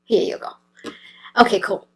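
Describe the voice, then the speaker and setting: A woman from India, hosting a casual healthy-eating live stream, chatty and hesitant with many fillers and restarts. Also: normal speed. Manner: greets viewers and reads comments as she goes.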